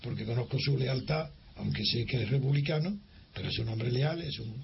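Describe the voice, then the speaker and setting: This older man from Spain has a mid-range, gravelly voice and talks a little fast. In an interview he relives a memory, voicing the dialogue with lively energy and many false starts. The recording is lo-fi and dull, carrying a faint hiss.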